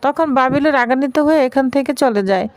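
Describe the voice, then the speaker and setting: Woman narrator, high voice, brisk storytelling, dry close sound. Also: no room sound. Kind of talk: retelling a TV serial plot.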